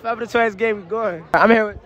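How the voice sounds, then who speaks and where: A man's voice: sits high, racing, highs cut off. A man hosting a casual street interview outdoors, with playful, hyped banter. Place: outdoors on a busy city street. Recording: street crowd and loud music behind.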